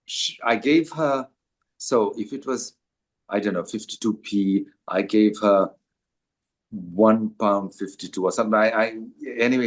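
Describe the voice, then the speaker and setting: Speaking to an audience as an author, an older Sri Lankan man with a lowish voice keeps things unhurried and conversational. He's hesitant, full of fillers like "um," and often restarts while collecting his thoughts.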